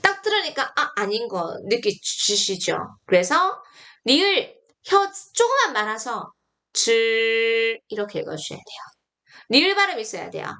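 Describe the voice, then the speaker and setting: A woman's voice: a little high, big pitch swings, normal speed, bright, forceful tone. A young woman teaching pronunciation in an online lesson, drilling syllables one by one and correcting mistakes emphatically.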